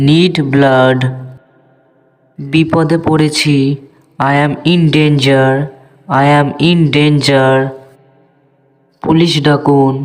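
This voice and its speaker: Slow, smooth male teacher. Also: a little high, poor audio. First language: Bengali. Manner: says each English sentence twice, slow and deliberate. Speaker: English teacher. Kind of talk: slow, repeated drill phrases.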